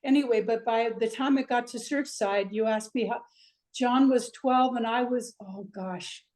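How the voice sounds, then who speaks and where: A woman's voice: fairly high pitch, moderate pace, a little mellow. An older woman from Iceland, a swim coach, talking reflectively in a chatty way with lots of fillers during an interview. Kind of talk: interview over video call.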